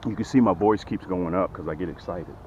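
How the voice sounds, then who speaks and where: A middle-aged man fishing-vlogs from a lakeshore, talking fairly quickly into a close-held camera as he energetically promotes the tackle he sells. Animated and gesturing with his hands, he repeats "okay?" and "guys" often. Highs are cut off, and there's a little hiss or hum.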